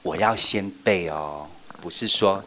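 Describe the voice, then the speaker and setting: In a workshop training children's church teachers, a man acts out examples as he goes, playful and lively. His voice sits low and his pace is unhurried.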